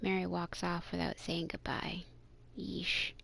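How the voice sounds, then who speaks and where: Gravelly-voiced woman playing a dating game. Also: lowish voice, level tone, a little slow, a bit bright. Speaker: game streamer. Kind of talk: reading and commenting on a visual novel.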